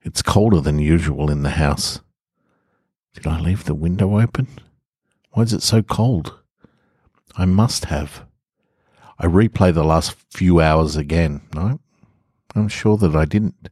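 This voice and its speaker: Speaking near the microphone from a garage, this Australian man introduces his podcast casually, then reads a first-person horror story. He has a low, slightly mellow and somewhat rough voice, keeps a measured pace, and pauses often; there is no echo.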